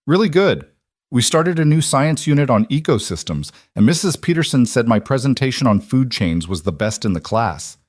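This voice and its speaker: High excited young boy, eager, bright-eyed, as a man puts him on, dry close sound. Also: normal speed, hardly any pauses, dry recording, lightly acted.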